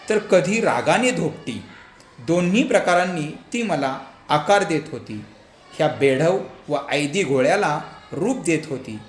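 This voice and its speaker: A man narrating a storybook aloud in an expressive, lively way. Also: fairly high pitch. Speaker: story reader. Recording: echoey room, faint background hum.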